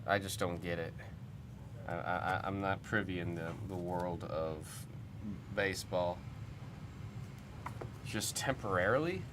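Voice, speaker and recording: In a low-pitched voice, a young livestream host of card breaks muses over viewer comments at a measured pace, leaving long pauses. His loose chat is backed by music and background noise.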